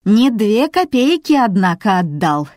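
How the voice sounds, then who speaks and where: A woman's voice: medium pitch, big pitch swings, a little slow, darkish tone, dry recording, clean studio sound, voice pushed up. A woman doing a sarcastic, needling guest.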